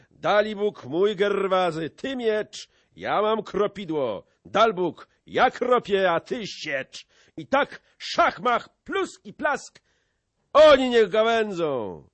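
A man voicing a rowdy old nobleman, shouting boastful verse at full volume. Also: sits high, dry recording, voice pushed up. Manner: shouting battle cries in verse.

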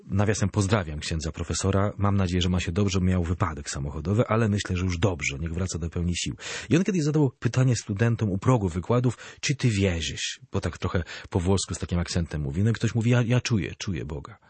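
Husky, animated priest teaching faith. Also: male voice, low voice, quick pace, no echo. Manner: animated storyteller; addresses listeners directly. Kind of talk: catechism talk.

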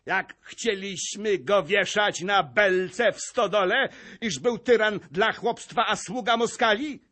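A man voicing a grim, vengeful old male servant, declaiming in rhymed verse with a husky voice. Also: high voice, takes it slowly, pushed and bright, full character voice. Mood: boastful.

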